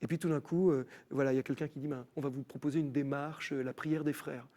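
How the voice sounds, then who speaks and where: A man telling his personal faith story as a TV guest, in an animated storytelling manner with many restarts. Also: medium pitch, fast. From France. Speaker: guest musician. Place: TV studio.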